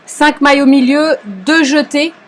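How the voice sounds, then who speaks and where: A young adult woman with a French accent, patiently explaining a knitting lesson step by step, often pausing and checking in with her students. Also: high-pitched. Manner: patient, explanatory, frequent hesitations and checks "d'accord?". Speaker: knitting teacher. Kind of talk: live online knitting lesson.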